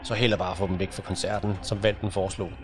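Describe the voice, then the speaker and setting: A man voicing a gruff, hoarse, scornful man in an audiobook. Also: sits low, level tone, natural voice. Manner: scornful, blunt.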